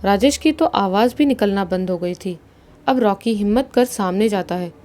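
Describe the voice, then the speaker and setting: Dark-toned woman narrating a horror story. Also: medium pitch, normal speed. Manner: steady, suspenseful storytelling.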